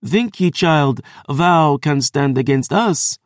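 A man's voice: on the high side, expressive, slow, no room sound, studio quality, pitched above the performer's own voice. A man voicing an ancient, cruel female vampire who taunts in archaic, contemptuous speech. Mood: taunting.

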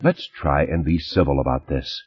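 A man reading an audiobook, voicing a sharp, image-conscious ex-wife who scolds in a clipped, indignant way. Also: rumbling low, normal speed, husky, dull audio. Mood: stern.

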